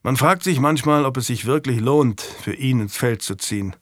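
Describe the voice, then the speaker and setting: A man's voice: medium pitch, moderate pace, no echo, studio quality, lightly acted. A man voicing a weary, frank adult knight in an audiobook, speaking wryly and candidly. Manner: wry, candid.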